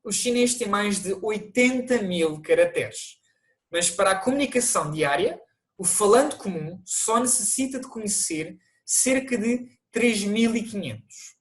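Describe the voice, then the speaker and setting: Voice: mid-range voice, animated, unhurried. A teacher with a European Portuguese accent, narrating an online language lesson and explaining things to viewers, with the odd restart.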